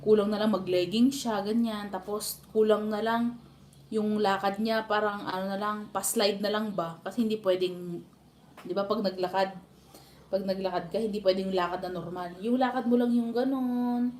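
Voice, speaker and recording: In a casual live stream, a woman with a Filipino accent talks to viewers about her family, laughing a lot along the way. She speaks at a moderate pace in a steady, mid-range, slightly mellow voice, over slight background noise.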